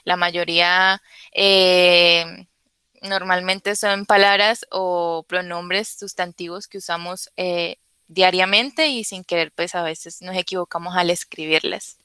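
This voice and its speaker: Young woman doing a class talk on a video call, lots of "eh", bright clear voice. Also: mid-range voice, no echo. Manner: hesitant, many "eh" fillers. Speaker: student presenter. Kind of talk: class presentation.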